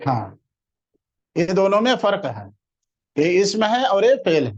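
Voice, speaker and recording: A man teaching a classroom grammar lesson, explaining patiently, quizzing his listeners with questions and slowing down to spell out example words. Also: sits high, big pitch swings, dull audio.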